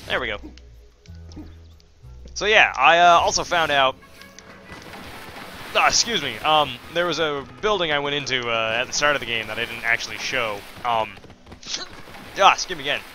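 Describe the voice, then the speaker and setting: A man's voice: medium pitch, moderate pace, long pauses, bright, forceful tone, faint music behind. A man giving casual, rambling commentary while playing a video game, full of fillers and self-deprecating asides. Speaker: let's play host.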